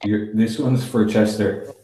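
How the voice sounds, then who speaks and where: A man's voice: fairly low pitch, steady tone, unhurried, mellow. A man in his late teens making provocative jokes on a live stream. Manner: mocking, provocative. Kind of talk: casual chat. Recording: echoey room.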